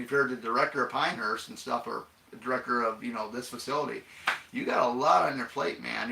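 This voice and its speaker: Man talking about a film, easygoing and meandering, gravelly with a sharp, bright edge, in a roomy space. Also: mid-range voice, slight background noise. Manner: rambling, many fillers and restarts. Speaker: film commentator. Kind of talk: casual chat. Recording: echoey room.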